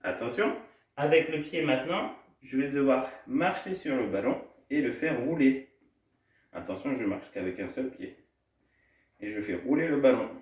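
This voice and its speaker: A man's voice: mid-range voice, lively intonation, normal speed. Cheerful man coaching kids' gym, echoey room. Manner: cheerful, sing-song, demonstrating while moving. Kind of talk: instructional talk to small children. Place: indoor room at home. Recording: echoey room, distant from mic.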